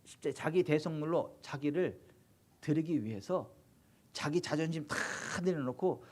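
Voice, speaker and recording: A male pastor preaching a sermon, emphatic and full of rhetorical questions, swinging between loud exhortation and hushed low passages. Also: normal speed. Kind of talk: Korean sermon at a Friday late-night service.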